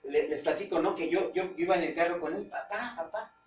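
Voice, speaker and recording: A man with a Mexican accent, a pastor preaching conversationally to his congregation, often pausing and searching for words. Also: fairly high pitch, fairly even intonation. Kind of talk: informal Bible-study preaching. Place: church hall. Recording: roomy church hall, distant mic, faint hum.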